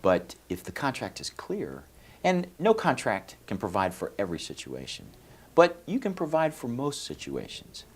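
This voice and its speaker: A man's voice: medium pitch, wildly swooping pitch, moderate pace, husky. A man from Venezuela, a lawyer answering interview questions in a folksy, explanatory way with many fillers. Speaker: lawyer, guest. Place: TV studio.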